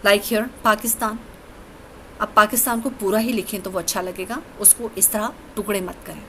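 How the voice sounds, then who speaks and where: A woman's voice: medium pitch, steady tone, moderate pace, bright, forceful tone, slight background noise, low-quality recording. A woman teaching an English lesson, explaining each rule step by step with patience. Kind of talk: recorded classroom lecture.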